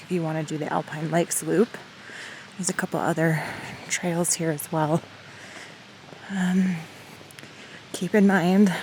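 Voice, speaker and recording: A woman's voice: on the low side, a little hiss or hum. A woman travel vlogger chatting casually and candidly to the camera in an informal way.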